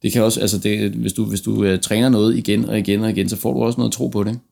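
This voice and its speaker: A man's voice: on the low side, flat delivery, vocal fry, mellow. A man hosting a casual football discussion, tentatively circling around his points. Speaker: football podcast host.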